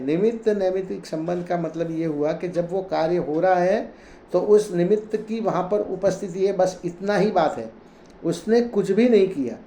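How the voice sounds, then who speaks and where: Guy reading jain scripture slow and explaining it, kinda high mellow voice, echoey room w faint hum. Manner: chants Sanskrit verses slowly, then explains in conversational Hindi. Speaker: Jain scripture reader and teacher.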